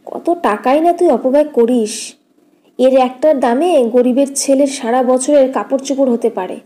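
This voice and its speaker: A woman voicing a sharp-tongued middle-aged elder sister-in-law who scolds in a raised, scornful tone, read as an audiobook character. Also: sits high, normal speed, lightly acted. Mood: grumbling.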